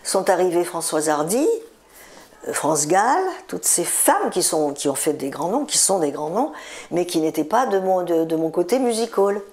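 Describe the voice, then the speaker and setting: A woman's voice: on the low side, expressive, normal speed, darkish tone. A woman in her seventies, a singer, telling stories in a chatty interview, repeating words for emphasis. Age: 70s. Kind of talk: relaxed interview storytelling.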